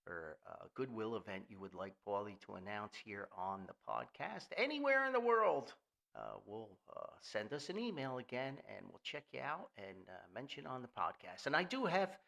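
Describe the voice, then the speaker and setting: This podcast host, an older man from New Jersey, has a lowish, gravelly voice that's a bit bright. He meanders through his informal solo show in a folksy, jokey way, adding theatrical emphasis and reading sponsor spots.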